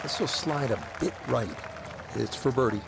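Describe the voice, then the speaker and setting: A man playing a composed lead golf commentator, calling play in measured, brief broadcast observations. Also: mid-range voice, creaky, noisy background, natural voice. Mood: measured, attentive. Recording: loud music and crowd behind.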